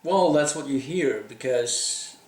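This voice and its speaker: A man's voice: medium pitch, takes it slowly, distant mic. A man from Russia with a Russian accent, casually interviewing a friend and often restarting his sentences. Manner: hesitant, lots of fillers and restarts. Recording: echoey room.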